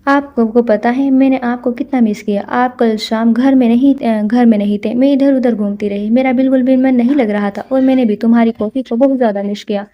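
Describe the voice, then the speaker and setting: A woman doing a lively, affectionate young sister. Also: on the high side, a little fast, hardly any pauses, dull audio, lightly acted.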